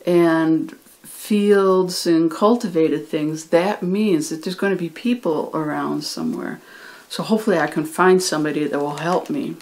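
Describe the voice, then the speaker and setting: A teacher retelling a chapter of a novel for English learners in a relaxed, conversational way. The delivery is loose, with frequent restarts, and the characters' lines are acted out. The voice sits at an ordinary middle pitch. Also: unhurried. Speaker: ESL reading teacher. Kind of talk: casual retelling of a book chapter.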